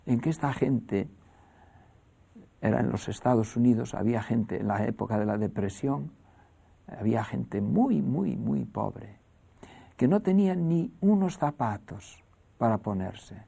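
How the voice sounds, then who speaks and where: Male preacher, slow and gravelly, animated storyteller. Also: mid-range voice. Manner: animated storyteller, acting out voices. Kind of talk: sermon storytelling.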